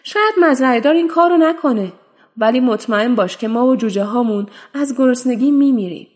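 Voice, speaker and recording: A woman's voice: on the high side, a little mellow, big-room sound, lightly acted. A woman voicing a frightened wild pigeon in a children's story, with a fearful, imploring manner. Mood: pleading.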